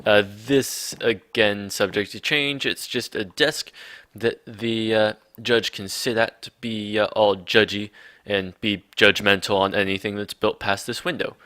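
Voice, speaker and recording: A man with a lowish, sharp, bright voice talks through his gameplay in loose, rambling commentary, full of fillers and mock outrage. The sound is close and dry, with no room around it. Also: fairly even intonation, unhurried, no echo. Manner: rambling, mock-indignant ranting with many fillers. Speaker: video game let's play host.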